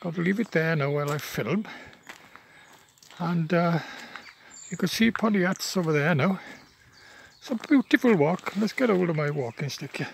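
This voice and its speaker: A local walker from Wales in his seventies, whose first language is Welsh, films his path by wetland with a handheld phone while staying off-screen. His slightly high voice is animated, with vocal fry, a moderate pace, and frequent pauses over a faint hiss or hum; tired, he rambles plainly with many fillers and restarts.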